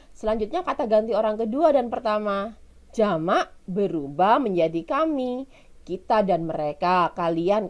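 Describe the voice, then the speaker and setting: Lady teacher with an indonesian accent walking kids thru grammar, asks questions then answers them herself. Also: medium pitch. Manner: explains step by step with rhetorical questions. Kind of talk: recorded classroom lesson.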